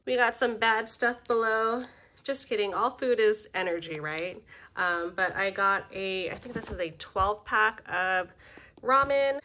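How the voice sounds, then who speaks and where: A woman in her thirties, a little under the weather, casually chatting at home as she shows off her groceries, with relaxed, friendly talk full of ums. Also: medium pitch, unhurried. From Filipino family. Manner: relaxed, friendly, frequent "um" fillers. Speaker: vlogger showing a grocery haul. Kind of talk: casual chatty haul commentary. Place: home kitchen table.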